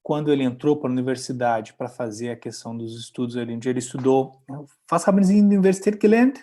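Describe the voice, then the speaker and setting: Speaking at a racing pace in a warm, medium-pitched voice, a Brazilian man whose first language is Portuguese hosts an interview. He also interprets for his guest, keeping the exchange conversational.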